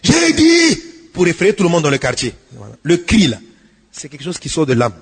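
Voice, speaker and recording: A man preaching a sermon as a pastor, swinging between hushed pleading and shouted exhortation, with a husky voice. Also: on the high side, animated, quick pace, big-room sound.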